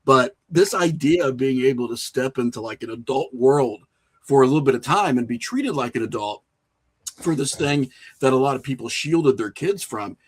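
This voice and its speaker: Here a horror filmmaker and writer from a small rural town chats as an interview guest on a podcast. The middle-aged man has a medium-pitched, animated voice with some breathiness and a moderate pace. His storytelling is relaxed, reflective and anecdotal, broken up by occasional chuckles.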